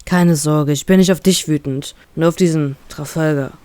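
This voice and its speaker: A woman voicing a hot-tempered young man, a protective older brother who speaks curtly and gruffly. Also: mid-range voice, very animated, moderate pace, no room sound, close to an everyday voice. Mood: reassuring. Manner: gruff, curt and irritated, softening when reassuring.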